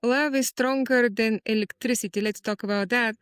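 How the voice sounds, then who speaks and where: A Bulgarian-born woman, a guest poet, talking in a reflective, measured way in an interview. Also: a little high, fairly even intonation, clean tone, no echo, studio quality. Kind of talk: conversational interview.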